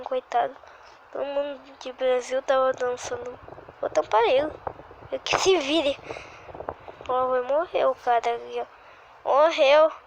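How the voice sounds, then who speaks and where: A woman giving excitable, exclamatory live commentary while playing a game at home. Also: high-pitched, slight background noise, low-quality recording. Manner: excitable and exclamatory, constant little sighs and cries. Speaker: gaming video creator.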